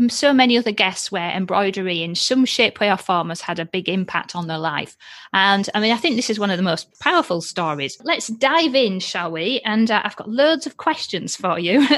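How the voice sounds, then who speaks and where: A woman's voice: mid-range voice, fairly bright tone, no room sound. Enthusiastic woman hosting a podcast. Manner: enthusiastic, upbeat. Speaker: podcast host. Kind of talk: light-hearted podcast chat.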